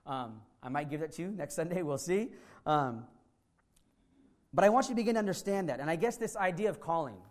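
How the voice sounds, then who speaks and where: Male pastor preaching in church, high voice, gets emotional and fired up. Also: animated, fairly quick. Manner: earnest, emotional preaching with rising outbursts. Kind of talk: sermon. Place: church room.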